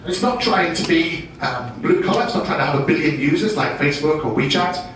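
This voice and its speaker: A British presenter with a fairly high, fairly bright voice gives a business talk packed with wry, self-deprecating jokes, delivered expressively and briskly. A distant mic catches him in a very echoey function room with faint noise underneath.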